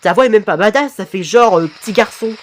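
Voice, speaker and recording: A woman's voice: medium pitch, fairly quick, close to an everyday voice. A woman voicing a cheeky, impatient young alien son who whines and mocks his father. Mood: whiny.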